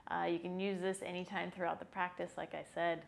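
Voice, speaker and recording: A thirtyish woman with a fairly low, vocal-fried voice talks students through a guided breathing practice in a compact indoor yoga room. Picked up by a lapel mic, her manner is unhurried, calm, and casual.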